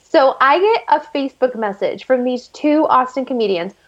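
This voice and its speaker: A woman's voice: high-pitched, lively intonation, moderate pace, lo-fi sound. A woman chatting as an interview guest, telling stories with lots of "like" fillers. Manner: chatty storyteller, many "like" fillers. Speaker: guest actress. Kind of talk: casual interview chat.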